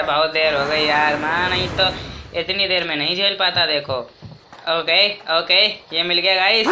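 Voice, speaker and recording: A man giving casual, jokey gameplay commentary as a gaming YouTuber, talking excitedly to his viewers. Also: a little high, background noise. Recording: game music clearly behind voice.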